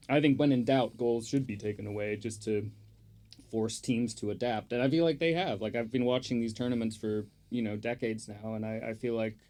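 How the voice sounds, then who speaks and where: A man's voice: on the low side, normal speed, darkish tone. A man chatting on a podcast as the football pundit, opinionated and rambling, with lots of fillers and the odd swear. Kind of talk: casual chat.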